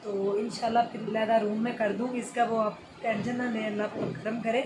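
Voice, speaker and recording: Woman, pleading late-night vlog, fairly high voice, noisy background. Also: flat delivery, a little fast. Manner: soothing, pleading, says inshallah often. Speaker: vlogger. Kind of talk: casual vlog. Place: small shared bedroom at night.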